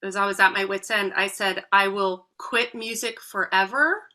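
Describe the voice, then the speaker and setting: On a podcast interview, this woman in her thirties, a voice coach, shares her personal story in an earnest, heartfelt way. She speaks at normal speed with a medium pitch and a steady, bright, forceful tone.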